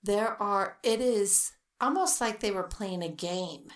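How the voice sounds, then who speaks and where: A middle-aged woman co-hosting a podcast, chatting casually over wine and telling animated stories. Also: mid-range voice, takes it slowly. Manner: chatty, animated storyteller with quoted voices. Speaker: podcast co-host.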